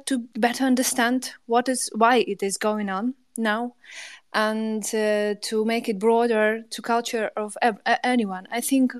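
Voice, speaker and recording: A woman's voice: a little high, no room sound. A woman, speaking informally and hesitantly in in an online discussion. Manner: hesitant, non-native English with restarts. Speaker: panel participant.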